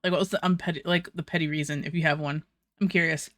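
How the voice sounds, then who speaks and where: A woman's voice: deep voice, fairly even intonation, fast talker, a bit bright, no room sound, clean studio sound. A young woman streaming, chatting casually with viewers while eating, laughing often and swearing freely.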